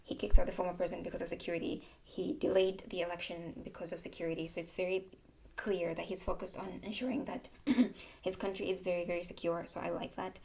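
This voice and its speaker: A Tanzanian political commentary vlogger, a woman for whom English is a second language, talks to camera in a candid, casual opinion monologue, repeating words for emphasis. Her voice is lowish, fairly even in intonation, quick and touched with vocal fry. Background noise is audible.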